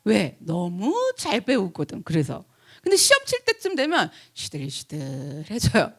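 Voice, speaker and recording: A woman pastor giving a lively sermon, asking the congregation questions and acting out quotes, laughing often. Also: medium pitch, measured pace.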